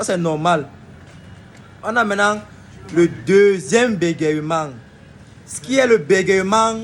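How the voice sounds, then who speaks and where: A man hosts a casual comedy video and walks through his points with playful, acted-out examples, often stammering on purpose. His voice sits fairly high. A faint noise runs underneath. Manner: playful, acts out examples with stuttering. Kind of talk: casual comic explainer.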